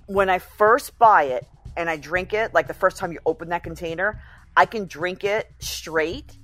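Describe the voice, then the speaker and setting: A woman's voice: lowish voice, normal speed, a bit bright, soft background music. A woman co-hosting a casual adult podcast, chatty and self-deprecating, laughing easily. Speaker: podcast co-host. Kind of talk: casual chat.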